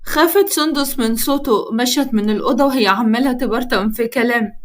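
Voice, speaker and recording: A woman with an Egyptian accent narrating a serialized story in a steady, plain way. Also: fairly high pitch, fairly quick.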